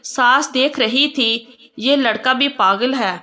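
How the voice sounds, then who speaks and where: A woman narrating a story calmly and evenly, as the host of a storytelling channel. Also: sits high.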